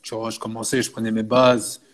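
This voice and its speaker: A Belgian personal fitness coach in his thirties chats casually in an interview, speaking a little fast in a lowish voice. He's relaxed, often restarts phrases, and frequently tags on the filler "tu vois" ("you see").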